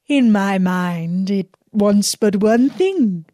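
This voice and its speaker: A woman voicing a wicked male magician disguised as a holy woman, speaking slowly and slyly. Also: mid-range voice, animated, mellow, dry recording, clean studio sound.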